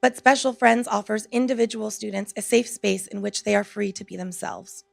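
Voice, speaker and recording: A woman, a teacher, reading a prepared public speech in an earnest, measured, articulate way. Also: mid-range voice, gravelly, no echo. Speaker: teacher speaking at a school board meeting. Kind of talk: prepared speech read aloud.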